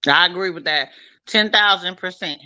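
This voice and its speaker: A woman talking bluntly and loudly in a casual podcast chat, full of slang. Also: lowish voice, normal speed, dry recording, low-quality recording. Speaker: panelist.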